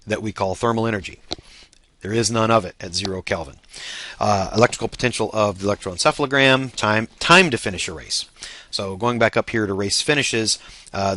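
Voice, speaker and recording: Man giving a relaxed, bright-toned statistics lecture. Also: on the low side. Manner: many "uh" fillers, relaxed explaining.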